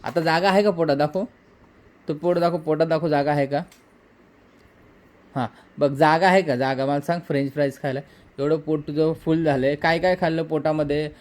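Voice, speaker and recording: A man in his thirties, a father and vlog host, gently and playfully questioning his small daughter in a casual home video. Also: fairly high pitch, fairly even intonation, moderate pace.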